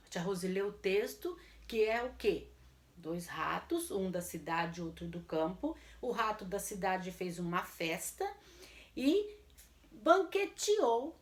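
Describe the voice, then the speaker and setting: A primary school teacher with a Brazilian Portuguese accent leads a class lesson for children in a medium-pitched voice with a roomy sound. She draws words out syllable by syllable and answers her own questions.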